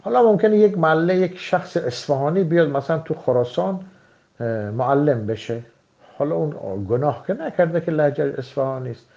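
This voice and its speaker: A man giving a classroom lecture, explaining points step by step and pausing with drawn-out fillers. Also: a little high, lively intonation, vocal fry, warm tone, muffled recording.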